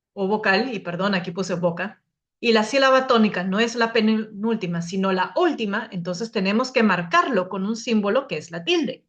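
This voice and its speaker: A woman teaching a grammar lesson at a slow, unhurried pace. She explains patiently to her class, often stopping to restart a word before moving on. Her voice sits at an ordinary middle pitch. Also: fairly bright tone.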